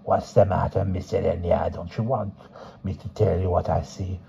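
An ancient, ominous fortune-teller woman, as a man reads her in an audiobook, speaking slowly and deliberately with a rhythmic, cajoling pull. The voice is deep and husky. The recording sounds dull and lo-fi. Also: steady tone, mellow, heavily acted. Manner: slow, deliberate, rhythmic speech.

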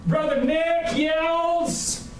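Ein Pastor in seinen Vierzigern predigt lebhaft und humorvoll. Seine Stimme ist für einen Mann hoch, aufgenommen aus der Ferne in einem stark hallenden Kirchensaal. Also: male voice, very high voice, drawn-out words, slight background noise. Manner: folksy, humorous, animated preaching. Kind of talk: sermon with storytelling. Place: church sanctuary with a congregation. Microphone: far camera at the back of the room. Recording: very echoey church hall from far off.

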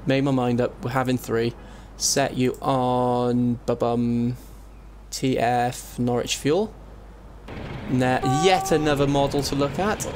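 Over keyboard typing and faint room noise, a let's play host rambles through casual gameplay commentary, thinking out loud and breaking off mid-thought. His medium-pitched, darkish voice stays steady and slow. It's recorded as voice-over on a compressed desktop mic.

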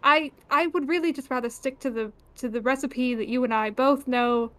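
A woman's voice: sits high, normal speed, a bit bright. A woman playing a nervous, polite adventurer cook who talks in a hesitant, flustered way.

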